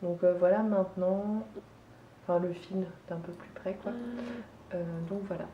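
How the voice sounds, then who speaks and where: A woman's voice: lowish voice, flat delivery, normal speed, slight background noise. Chatty French woman, knitting vlog. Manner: chatty, hesitant, many fillers and restarts. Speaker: knitting vlogger. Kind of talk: casual chat. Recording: dull, echoey room from far off.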